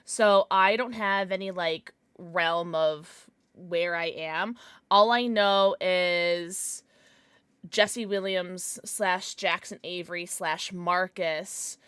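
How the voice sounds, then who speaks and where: A woman livestreamer chatting casually with her viewers in a playful, giggly, excitable manner. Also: fairly low pitch, slow, clear, resonant tone, no room sound, clean studio sound. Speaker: live streamer, host.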